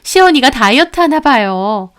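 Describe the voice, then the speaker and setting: A woman's voice: high-pitched, lively intonation, normal speed, a bit bright, clear, resonant tone, voice pushed up. A woman voicing a young daughter-in-law who pleads politely while covering herself. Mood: flustered. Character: sly placating young stepmother, daughter-in-law.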